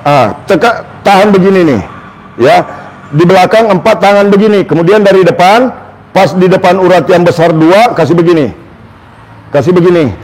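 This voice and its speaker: A man working as a massage therapist, calmly instructing and demonstrating on a patient step by step. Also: high voice, normal speed, low-quality recording. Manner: coaching and instructing step by step, calls out words to repeat.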